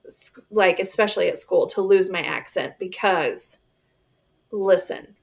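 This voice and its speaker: A woman's voice: mid-range voice, unhurried, gravelly. A woman in her forties from the southern US, co-hosting a casual chat in an easygoing way and agreeing readily. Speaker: podcast co-host.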